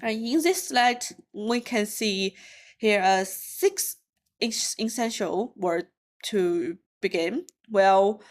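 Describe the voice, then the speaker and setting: A woman teaching a beginner lesson from slides, speaking English with small grammar slips and repeating each word slowly and clearly for learners. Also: medium pitch. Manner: slow, careful, repeats words for learners. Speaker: Mandarin teacher. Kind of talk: slide-based language lesson.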